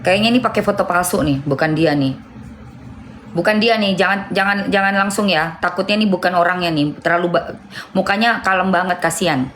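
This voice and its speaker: A middle-aged woman with a lilt, hosting a livestream and reading viewer comments, shifting between heated scolding and soft chat. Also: on the low side, fairly quick, slight background noise. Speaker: livestream host.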